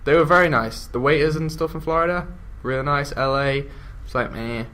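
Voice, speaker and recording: A man's voice: a little high, a little fast, bright, forceful tone. A young man with an English accent, a gamer chatting casually, rambling and laughing as he talks. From England. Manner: chatty, drifts into mock voices and laughs. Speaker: YouTube gamer. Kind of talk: casual chat.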